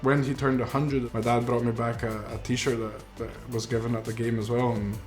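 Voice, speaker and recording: A man's medium-pitched voice speaks at normal speed in a level tone. He's in his twenties, grew up in Mexico, and works as a filmmaker, narrating his grandfather's story for a documentary in an earnest, reflective way with some fillers. Music runs under a roomy recording.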